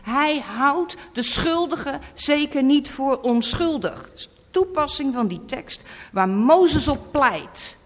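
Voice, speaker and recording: Female preacher, slightly high pitch, emphatic and repetitive, long hall reverb. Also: expressive, slow pace, hardly any pauses. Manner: emphatic, repeats warnings. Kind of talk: sermon. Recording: echoey hall.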